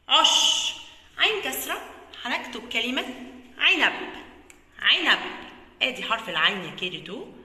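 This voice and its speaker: A woman with an Egyptian Arabic accent teaches kindergarteners how to write a letter, slowly drawing out each sound. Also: lowish voice, pushed and bright, roomy sound, long reverb tail. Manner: slow, drawn-out sounding of letters. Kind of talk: children's writing lesson.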